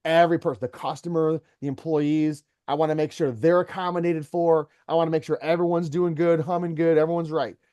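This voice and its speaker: A man's voice: on the high side, fairly even intonation, a little fast, few pauses, dark tone, dry recording, studio quality. A man who owns a company, giving an employee earnest one-on-one coaching and telling stories to make his point. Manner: earnest, storytelling, mentoring.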